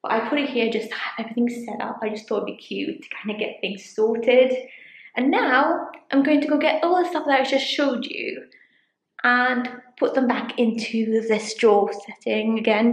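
A woman's voice: a little high, moderate pace, gravelly. A woman, chatting casually in a rambling way with lots of ums while she shows a room in her home for a vlog. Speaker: vlogger. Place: small room in a home, indoors. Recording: echoey small room.

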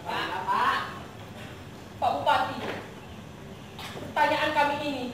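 A young female student actor playing an insistent, sceptical village wife in a stage play, declaiming in drawn-out phrases. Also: sits high, a bit bright. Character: insistent, sceptical married village woman petitioner. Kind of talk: amateur stage acting. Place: theatre stage, mic on stand. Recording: noisy, echoing stage, distant microphone.

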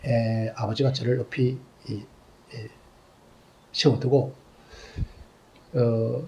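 Male pastor, sermon storyteller, acts out dialogue, wide loud-to-soft swings. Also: mid-range voice, level tone, takes it slowly. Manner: swings between loud exclaims and soft trailing asides.

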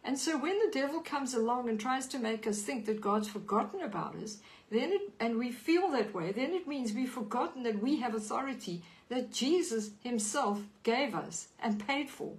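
A woman with a South African accent preaches an earnest teaching sermon over a live stream. Her voice sits a little high, and she reads scripture aloud as she teaches. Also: lively intonation, moderate pace, hardly any pauses, poor audio.

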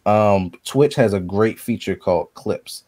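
A man, a video game streamer, talking as a podcast guest in a relaxed, conversational way with frequent ums. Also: lowish voice, a little slow. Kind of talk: casual podcast chat.

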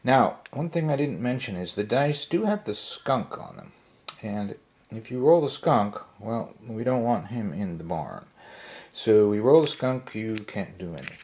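A man who owns a craft shop, casually demonstrating a board game at a tabletop in his workshop. He talks in a relaxed, folksy way, with fillers. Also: lowish voice, measured pace. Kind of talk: casual product demo.

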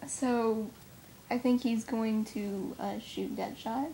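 A woman's voice: fairly high pitch, fairly even intonation, takes it slowly, creaky, mellow, slight background noise. A young woman co-hosting a casual fan chat, rambling and giggly as she speculates. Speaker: comic fan co-host.

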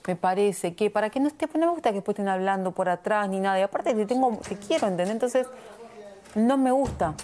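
A woman's voice: mid-range voice, expressive, fast talker, dark tone. A woman with an Argentine accent, a reality show contestant in a heated argument, insistently checking that she is understood. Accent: Argentine Spanish. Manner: insistent, keeps asking "¿entendés?".

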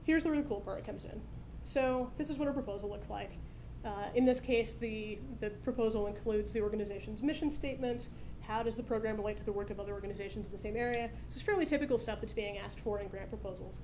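A woman in her thirties giving a live product demo from a podium at a tech meetup, explaining in a brisk, upbeat way. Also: mid-range voice, a little mellow, a little hiss or hum, poor audio. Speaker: startup founder presenting a product demo. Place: conference stage at a meetup, indoors. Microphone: podium microphone.

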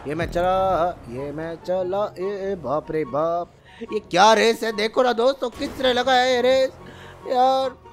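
Playful and full of exclamations, this gaming channel host teases and does character voices during gameplay. His voice is high and a little slow, backed by soft background music.

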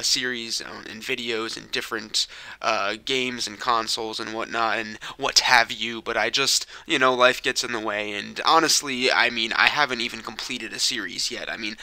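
A man's voice: on the low side, pushed and bright, no echo. A man who is a little sick, rambling casually and swearing often as he hosts a let's play from his home gaming setup. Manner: rambling, profane, self-deprecating. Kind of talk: casual gameplay commentary. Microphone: mic hooked into a capture card. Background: video game music.

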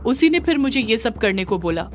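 A woman playing a meek young woman in a story, soft and apologetic, talking it all through, voice fairly high. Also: very animated, a little fast, soft background music. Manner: soft, explaining.

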